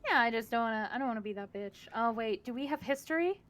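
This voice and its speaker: A woman playing a tabletop game, animated and swearing freely. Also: fairly high pitch, fast. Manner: animated, swears, begs dramatically. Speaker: player. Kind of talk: casual tabletop play.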